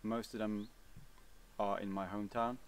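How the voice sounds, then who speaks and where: Young Swedish man, flat low voice. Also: normal speed, clear, resonant tone, distant mic. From Sweden. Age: young adult. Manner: relaxed, hesitant, many fillers and restarts. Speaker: vlogger. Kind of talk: casual Q&A answers. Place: outdoors, seated on a cabin bench by woods.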